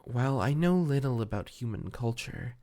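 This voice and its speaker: A man playing a devoted, ancient fey familiar spirit in an intimate roleplay audio, speaking formally and tenderly with measured, archaic diction. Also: mid-range voice, expressive, mellow, natural voice. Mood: tender, loving.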